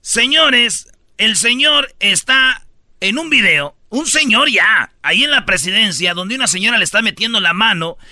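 A man's voice: sits high, expressive, fairly quick, hardly any pauses, bright, forceful tone, no echo. A man with a Mexican Spanish accent hosting a radio show, telling news stories with teasing, slang-heavy banter.

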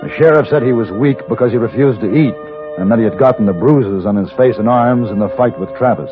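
An actor playing a composed, courteous hired gunfighter, speaking in a measured, formal way in a radio western. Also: male voice, mid-range voice, music in the background, natural voice. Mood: measured narration. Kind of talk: 1950s radio western narration and acting. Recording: muffled old radio recording.

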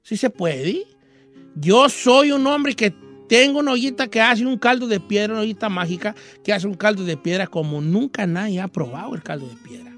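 A man voicing a crafty, hungry male vagabond trickster who calls out loudly and wheedles slyly. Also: sits high, animated, moderate pace, soft background music, pitched above the performer's own voice. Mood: sly wheedling. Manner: loud pleading calls, sly wheedling.

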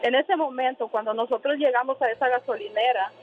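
A woman's voice: high-pitched, fairly quick, a little hiss or hum. A woman calling in from her car, telling a personal story with many hesitant fillers. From Honduras. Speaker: caller. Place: in a moving car. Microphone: phone. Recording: tinny phone line.

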